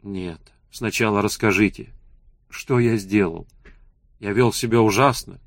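A hungover young man croaks his words, hoarse and weak. His voice sits a little lower and quieter than the reader's own, and it is dry and close, as a man acts him out in a storybook reading. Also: unhurried, no room sound. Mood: pained.

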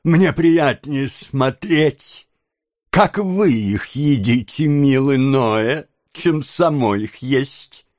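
A man's voice: mid-range voice, expressive, extremely slow, a little mellow, no room sound, studio quality. A man voicing a coquettish young female servant who speaks in a coaxing, doting way in an audiobook. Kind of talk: audiobook character voice.

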